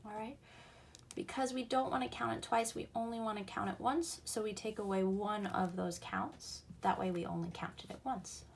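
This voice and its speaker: A woman's voice: mid-range voice, fairly even intonation, moderate pace, creaky, a little hiss or hum. A woman teaching a recorded math lesson, explaining patiently and going back over each key point.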